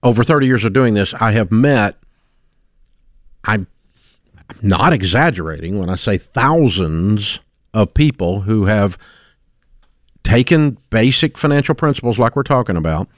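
A man's voice: on the low side, lively intonation, unhurried, pauses often, dry recording, studio quality. A man in his sixties with a Southern US accent, hosting a radio show and telling stories in a folksy way with frequent restarts. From American South. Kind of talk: casual radio talk.

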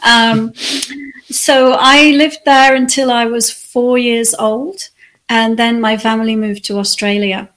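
A woman from England, reflecting on her life as an interview guest in a soft, thoughtful way. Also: a little high, level tone, takes it slowly. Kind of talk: conversational interview.

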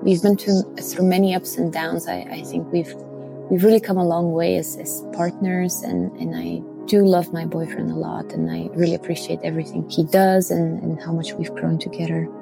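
A woman's voice: on the low side, gravelly. Hesitant woman over music. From Bulgaria. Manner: hesitant, many "um"s and restarts. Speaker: listener sending a question.

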